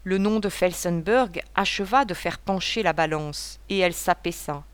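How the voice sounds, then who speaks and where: A woman narrating a novel as an audiobook, in a measured literary reading. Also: lowish voice, clean tone, dry recording. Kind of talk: scripted narration.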